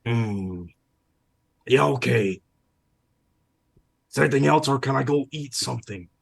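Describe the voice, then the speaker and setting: A man's voice: mid-range voice, unhurried, vocal fry. A man voicing a blunt, greedy carnivorous seagull that keeps asking to taste people. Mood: crude, hungry. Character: hungry, rude carnivorous seagull.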